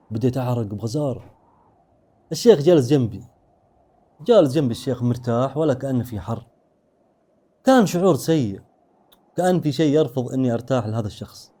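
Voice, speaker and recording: Male storyteller, fast dramatic narration, dark mellow tone. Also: mid-range voice. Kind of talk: first-person horror story narration.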